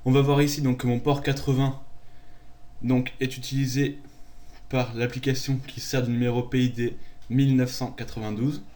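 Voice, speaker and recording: A man narrating a screen-recorded software tutorial, calmly walking through each click step by step. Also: medium pitch, moderate pace. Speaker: tutorial maker.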